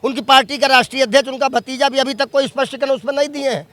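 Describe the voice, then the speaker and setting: A man's voice: very high-pitched, fairly even intonation, rapid-fire, pushed and bright, no room sound. A man, anchoring a political debate and pressing the same question again and again.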